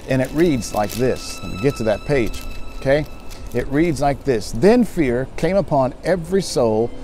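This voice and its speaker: Earnest mellow-voiced man preaching outdoors. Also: mid-range voice. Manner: earnest, reads scripture aloud slowly. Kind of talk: short devotional sermon to camera. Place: outdoors beside a vehicle.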